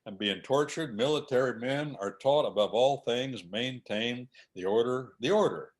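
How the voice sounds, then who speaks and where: At a moderate pace and in a mid-range voice, the host guides a conversation on faith and order. Emphatic, preacher-style repetition is how he drives his points home.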